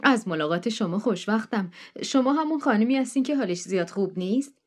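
A woman's voice: mid-range voice, expressive, lightly acted. A woman voicing Joan, a plump, gracious middle-aged farm wife who coaxes her guests indoors. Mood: coaxing. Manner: insistent hospitable coaxing.

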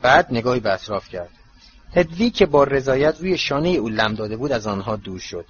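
A man narrating an audiobook in an even, measured reading, in a slightly muffled recording with faint hiss. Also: mid-range voice, breathy edge. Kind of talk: scripted narration.

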